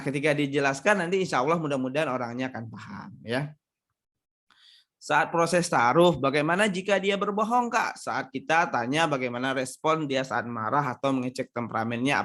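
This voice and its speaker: A man's voice: medium pitch, fairly bright tone. A man from Sumatra giving a casual online seminar on marriage, reading out audience questions and answering them conversationally.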